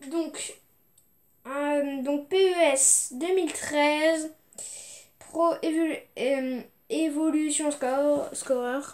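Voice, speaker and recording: High-voiced young woman showing her games. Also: fairly even intonation, extremely slow, darkish tone. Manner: hesitant, many fillers and restarts. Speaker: video game collector showing her games. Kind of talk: casual unboxing chat.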